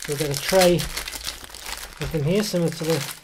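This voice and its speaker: A food reviewer with a cold gives a casual snack review at an indoor table, his voice fading in and out. His voice is on the high side with fairly even intonation at a moderate pace, rambling and hesitant with plenty of fillers and self-corrections. It's recorded on a table camera mic with background noise.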